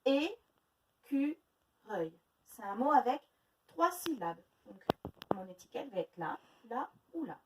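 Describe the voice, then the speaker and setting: A high, very lively woman teacher from France leads young children through a phonics lesson. She talks slowly and stretches each word into exaggerated syllables. Her voice sits a little back from the mic, with faint noise behind it. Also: recorded from a distance, poor audio. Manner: slow, exaggerated syllable-by-syllable pronunciation.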